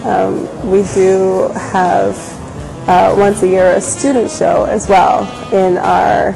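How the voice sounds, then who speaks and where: Talking slowly with little pitch movement and vocal fry in a mid-range voice, a young woman from a glass studio casually describes the venue in an on-camera interview, restarting often and using many fillers. She wears a lapel mic in a large indoor gallery space; the recording is rough and has music beneath it.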